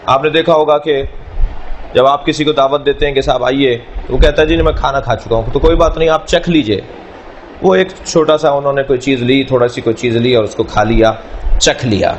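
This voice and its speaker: A man teaching a class, speaking in a measured way, repeating key words and explaining through everyday analogies. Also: medium pitch, steady tone, highs cut off, a little hiss or hum. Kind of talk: classroom lecture.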